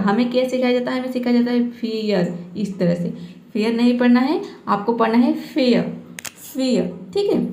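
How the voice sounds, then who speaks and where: A woman teacher giving a patient pronunciation lesson, repeating each word slowly and checking in often. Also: on the high side, a little mellow, reverberant. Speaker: English teacher. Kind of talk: Hindi-language pronunciation lesson.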